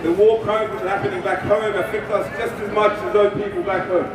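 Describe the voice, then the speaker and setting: A man's voice: high-pitched, little pitch movement, brisk, a crowd in the background. A young man from Australia performing a rhyming spoken word poem at an outdoor rally, in a rhythmic delivery. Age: young adult. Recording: echoey, distant outdoor PA.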